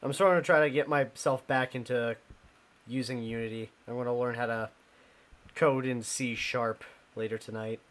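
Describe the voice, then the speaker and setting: A young streamer with a steady, medium-pitched, slightly bright voice plays a ghost-hunting game live, chatting easily with his audience, talking to chat, and breaking into quick laughs.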